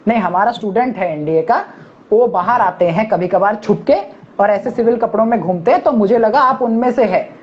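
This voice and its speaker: A man's voice: high voice, moderate pace, slight background noise, voice pushed down, lightly acted. A man voicing an apologetic middle-aged army drill instructor who pleads humbly. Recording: dull lo-fi sound.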